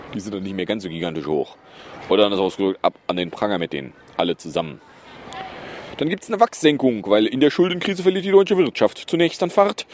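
A man's voice: mid-range voice, darkish tone. A man hosting a podcast, reading news items and adding sarcastic, mocking asides in a loose, hesitant way. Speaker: podcast host.

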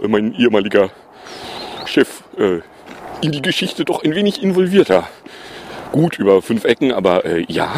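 Male host, casual sarcastic commentary, very animated delivery. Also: mid-range voice, slight background noise. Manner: sarcastic, mocking.

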